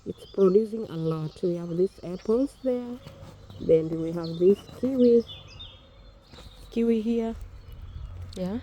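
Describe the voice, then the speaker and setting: This vlogger, a Swahili-speaking woman, has a warm, mid-range voice and talks slowly with frequent pauses, over a faint hiss or hum. She's outdoors filming her garden on her phone in a casual walk-and-talk style, regularly starting her phrases over.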